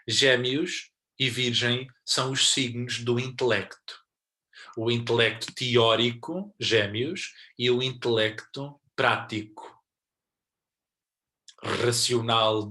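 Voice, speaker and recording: A man with a European Portuguese accent giving an astrology lesson, explaining patiently and growing more animated as he stresses his points. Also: mid-range voice. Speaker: astrology teacher.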